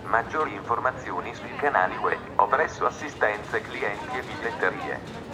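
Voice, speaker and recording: A man giving formal, clipped train station announcements over a station loudspeaker. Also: lowish voice, lively intonation, moderate pace, a crowd in the background. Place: outdoor railway platform. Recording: loudspeaker with clear background noise.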